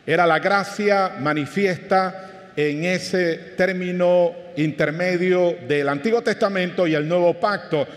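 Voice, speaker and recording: A male pastor with a Panamanian Spanish accent preaches a sermon, telling stories and putting questions to his listeners. His voice sits a little high for a man. It rings with the long reverb of a large hall. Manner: conversational preaching with anecdotes and questions to the congregation.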